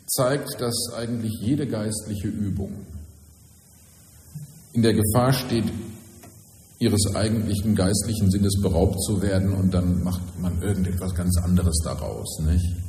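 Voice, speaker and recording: A male pastor delivers a sermon in a church, his voice mellow and dark. He reads scripture in a measured, declaiming way and then preaches conversationally. The room is echoey with a long, ringing reverb and a faint hum of ambience behind him. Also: low-pitched.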